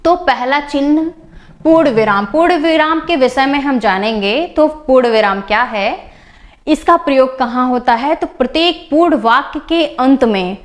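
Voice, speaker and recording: A woman teacher giving a spoken grammar lesson over slides, explaining by repeating and rephrasing, and slowing down to stress her examples. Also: high-pitched, expressive. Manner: lists items one by one in a measured classroom tone.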